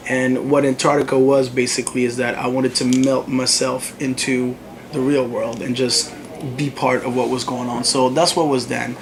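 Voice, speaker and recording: A mid-range male voice at normal speed belongs to a young Congo-born musician being interviewed as a guest. Chatting casually, he spins stories with animation and lots of fillers as a crowd murmurs noisily behind him.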